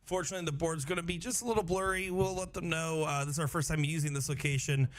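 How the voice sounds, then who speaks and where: A man's voice: on the high side, steady tone, quick pace. A man giving casual live commentary and updates on a darts match.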